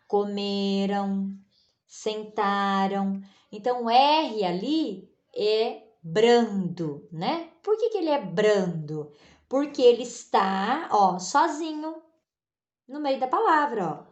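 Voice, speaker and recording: A woman teaching children spelling, patient and drawing words out slowly to stress each sound. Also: fairly high pitch, a little mellow, highs cut off. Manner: slow, patient, stretches words out for emphasis. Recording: echoey room.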